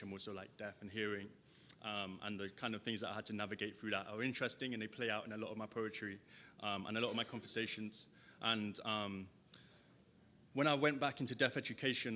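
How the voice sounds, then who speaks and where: A young man performs his poems on a festival stage, giving the lines a strong rhythmic push. His voice is bright and forward, and between pieces he slips into loose, chatty asides. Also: lowish voice. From England. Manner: rhythmic, emphatic delivery of verse, chatty asides. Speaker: poet. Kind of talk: live poetry reading. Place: festival stage before an audience.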